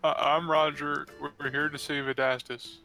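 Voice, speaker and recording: Bright-voiced man playing a tabletop game. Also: fairly high pitch, flat delivery, moderate pace. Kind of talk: casual in-game chat. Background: guitar music.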